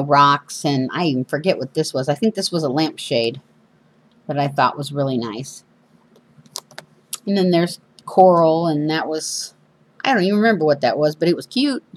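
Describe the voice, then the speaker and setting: A woman with whistling sibilants from missing front teeth, hosting a casual, chatty craft demonstration with informal, self-deprecating asides. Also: low voice. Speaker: craft show host. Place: indoors at a craft table.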